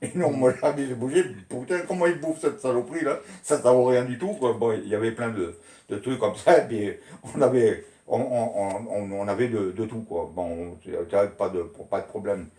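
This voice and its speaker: An older man reminisces casually about his childhood in a mid-range, dark-toned voice at normal speed. He rambles and laughs often, like a colloquial storyteller, and the room he's in gives off a roomy echo.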